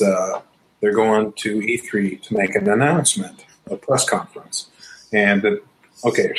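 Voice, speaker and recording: A man with a fairly low voice chats on a podcast, excitable and rambling, with frequent laughs. He talks in a loose, casual way as a co-host. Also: rough recording.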